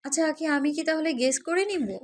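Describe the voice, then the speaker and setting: A woman voicing young college girls in a Bengali audio story, higher and softer than her narration. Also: a little fast, a little hiss or hum, lightly acted. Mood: teasing. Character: young college girls Dipa and Akhi, teasing and tense.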